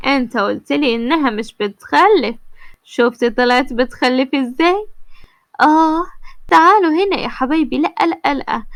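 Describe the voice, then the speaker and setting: A woman's voice: sits high, no room sound. A woman voicing a mocking young woman spy with an Egyptian accent who taunts her captive. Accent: Egyptian Arabic. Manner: teasing, taunting.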